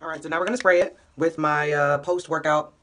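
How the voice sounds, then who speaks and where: With a low, steady, fairly bright voice and a brisk pace, a young woman chats casually as an upbeat, slangy beauty vlogger, a little hiss or hum in the audio. Her phone camera is held close as she goes from a small room at home to a city street and a gym.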